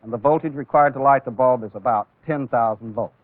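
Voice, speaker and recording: A mid-range male voice guides an instructional demonstration as a training-film instructor, taking each step deliberately and emphasizing key words. The old film soundtrack is dry and phone-quality.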